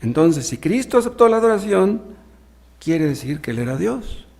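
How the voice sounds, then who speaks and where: Gravelly pastor explaining scripture. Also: male voice, a little high, sing-song, normal speed, darkish tone. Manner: reads Bible verses aloud, then explains them in plain words with rhetorical questions. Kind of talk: expository sermon reading and explaining scripture.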